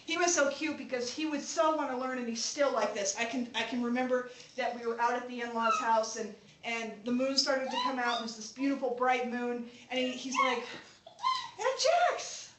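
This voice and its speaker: A young woman teaching a college class in a relaxed, chatty way, often breaking into laughter and restarting her sentences. Her voice sits a little high and comes from some distance in an echoey room, with faint noise behind her. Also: fairly quick, few pauses. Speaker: college instructor. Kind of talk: informal classroom lecture. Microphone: distant room mic.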